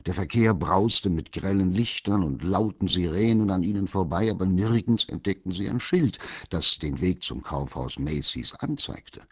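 A man reading a children's story aloud as the narrator, in a calm, measured way. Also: low-pitched, breathy edge, no echo, muffled recording.

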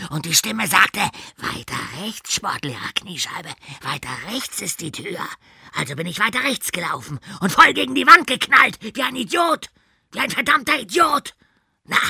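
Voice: mid-range voice, creaky, sharp tone, breathy edge, no room sound, studio quality, heavily acted. A narrator voicing a furious male gym teacher who rants and bellows at kids in an audiobook. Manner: bellowing, ranting. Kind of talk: audiobook character voice.

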